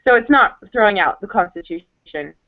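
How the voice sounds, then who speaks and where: A woman's voice: medium pitch, lively intonation, moderate pace. A woman arguing the humanist side of a debate over a video call, her audio clipped and breaking up. She explains her points one by one in an earnest way. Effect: clipped, breaking-up phone-line audio. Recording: tinny call line with faint music.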